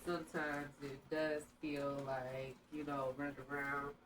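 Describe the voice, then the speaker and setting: A tarot reader hosts a casual reading for her channel, rambling in a relaxed, slangy way. Her voice sounds congested, medium in pitch, and a little slow.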